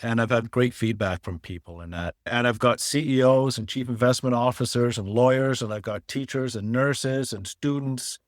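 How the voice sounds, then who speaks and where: A podcast guest in middle age, once a fund manager and now an author, explains things step by step in a plain-spoken way. Born in Wales and raised in Canada, he speaks in a medium pitch at a moderate pace with few pauses, in a dry, clean studio recording.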